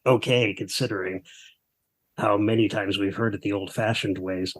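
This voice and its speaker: Brief: low-voiced guy co-hosting, rambling with ums, dry close mic. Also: fairly even intonation, normal speed, no echo. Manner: rambling, hesitant, laughing. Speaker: podcast co-host. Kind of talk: casual chat.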